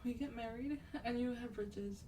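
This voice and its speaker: A woman plays a sweet, wealthy vampire in a soft-spoken ASMR roleplay, her natural, slightly high voice breathy and often close to a whisper. She coaxes gently with a somewhat haughty air at a normal speed. The recording is distant, with a little hiss or hum.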